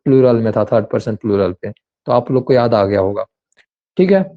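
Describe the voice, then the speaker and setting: A man's voice: medium pitch, brisk, narrow, tinny audio. A man teaching an English grammar class online, explaining patiently and repeating examples with many fillers.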